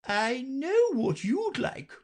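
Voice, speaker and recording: A man voicing a brisk, imperious queen chess piece who cries out orders in a shrill, commanding way. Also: big pitch swings, creaky, heavily acted.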